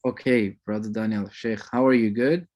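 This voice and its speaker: A man instructor chatting warmly and rambling a little as he greets students on a video call, sprinkling in religious phrases. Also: fairly low pitch, fairly even intonation, moderate pace. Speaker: course instructor. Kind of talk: casual chat greeting an online class.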